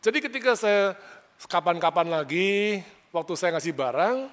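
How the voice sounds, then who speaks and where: Male preacher, conversational sermon voice, lively, long reverb of a hall. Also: sits high, moderate pace. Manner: animated, conversational, rises sharply when retelling arguments. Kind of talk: sermon with personal storytelling.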